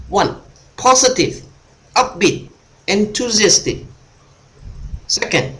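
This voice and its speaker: A man's voice: mid-range voice, fairly bright tone, slight background noise. A man coaching a group over a video call, repeating his points and tagging them with "huh?". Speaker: speaker and coach. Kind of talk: online workshop talk.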